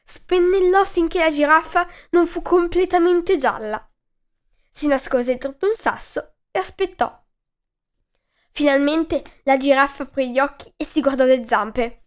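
A woman reads her own children's story aloud as the host of a podcast. Her voice sits high, and she takes her time, shaping each phrase slowly and clearly for young listeners.

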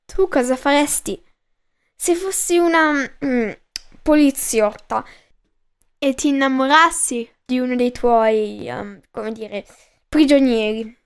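A woman's voice: sits high, slow, clear, resonant tone. A woman reading a story aloud and voicing a manipulative, unhinged young woman who kidnaps people, coy in manner with mad laughter. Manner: coy then menacing, laughs madly.

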